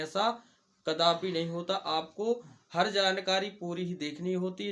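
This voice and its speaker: A man's voice: high voice, fairly bright tone, distant mic. A man teaching a grammar lesson. He keeps asking his students short questions, answers them himself, and repeats each point. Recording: echoey room.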